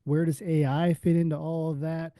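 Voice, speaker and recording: Mellow podcast host man, dry close sound. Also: on the high side, level tone, normal speed, no room sound. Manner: friendly, conversational questions. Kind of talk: podcast interview hosting.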